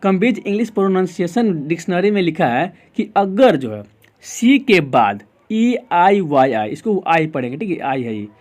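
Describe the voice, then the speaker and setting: Casting: high-voiced Indian man as tutor; poses a question, answers it, repeats the rule. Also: very animated, normal speed, a little mellow. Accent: Indian English. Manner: asks the class questions and answers them himself, repeats rules. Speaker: English pronunciation teacher. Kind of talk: explaining lesson in Hindi.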